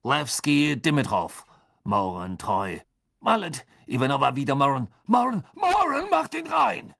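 A man voicing a boisterous middle-aged sports commentator in an audiobook, announcing in a booming, drawn-out voice. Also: sing-song, gravelly, a bit bright, heavily acted.

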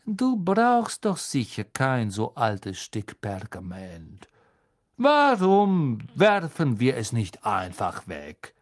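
Male reader doing a contemptuous, menacing teacher, drawn-out delivery, lively swoops. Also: fairly high pitch, vocal fry, voice pushed up, full character voice. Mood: sneering. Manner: slow, hissing, contemptuous. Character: cold sneering male schoolmaster, menacing.

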